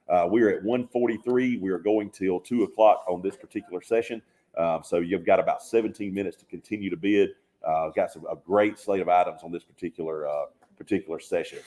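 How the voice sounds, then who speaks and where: A man's voice: low-pitched, darkish tone. A man with a Southern US accent hosting a live charity auction on the radio, folksy and upbeat as he calls out bids.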